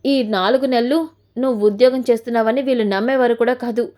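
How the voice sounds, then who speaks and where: A woman's voice: a little high, steady tone, fast talker, darkish tone, natural voice. Woman voicing a stern scolding mother. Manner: scolding, lecturing. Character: scolding middle-aged mother, stern and blunt.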